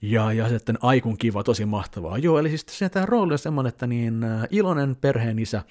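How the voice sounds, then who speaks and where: A man in his thirties talking casually to camera, rambling with many fillers as he tells a story and quotes people in lively voices. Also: mid-range voice. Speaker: vlogger.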